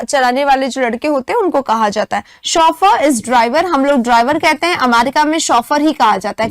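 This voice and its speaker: A young Indian woman teaching English vocabulary for an exam, explaining step by step, checking in with her students often, and reading the English prompts slowly. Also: high voice, no echo, clean studio sound. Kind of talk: exam-prep vocabulary lesson.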